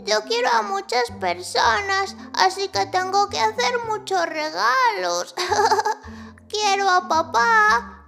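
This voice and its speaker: A woman voicing a small, earnest young male penguin with a squeaky child-like voice in a children's story. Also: creaky, bright, forceful tone, exaggerated voice. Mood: earnest, flustered. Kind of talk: children's audio story acting.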